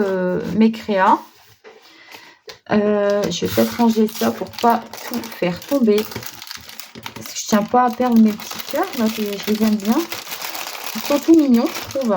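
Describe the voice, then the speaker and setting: Woman vlogger, mellow tone, chatty and halting, craft demo. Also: medium pitch, a little hiss or hum. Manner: chatty, hesitant, many fillers and restarts. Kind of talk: casual craft demonstration.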